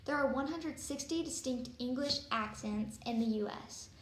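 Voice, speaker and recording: A woman's voice: high voice, normal speed, slight background noise. Chatty woman host in an echoey room. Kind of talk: casual video presenting.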